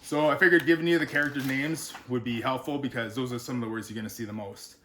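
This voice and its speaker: A male author giving a relaxed, unscripted pronunciation lesson, sounding out words syllable by syllable between frequent fillers. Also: medium pitch, fast talker.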